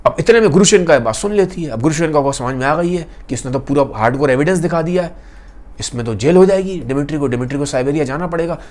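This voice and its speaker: A man's voice: a little high, lively intonation, fast, a little mellow. A man retelling a classic novel in a casual, conversational and dramatic storytelling style.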